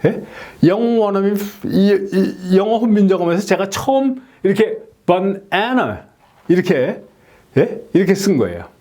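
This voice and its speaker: A middle-aged man explaining English pronunciation in a lesson, often checking in with a quick rhetorical "yes?". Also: high-pitched. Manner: animated, frequent rhetorical "예?" checks.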